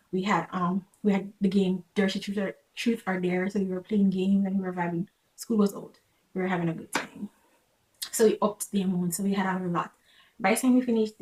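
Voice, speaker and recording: A woman's voice: medium pitch, a little mellow. A young woman telling a personal story in a casual, chatty, conversational vlog style, recorded in an echoey room. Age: young adult. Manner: conversational, acts out quoted remarks. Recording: echoey, roomy sound.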